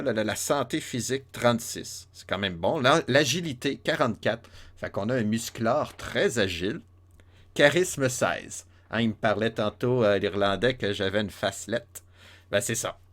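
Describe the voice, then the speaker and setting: A man's voice: lowish voice, fairly bright tone. A man gives casual, playful commentary on a game, joking along as he plays. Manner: playful, joking, many fillers and restarts. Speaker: let's play host.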